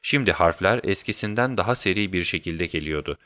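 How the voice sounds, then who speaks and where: A man narrating a story in the first person, in a measured storytelling manner. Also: sits low, lively intonation, sharp tone. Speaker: audiobook narrator.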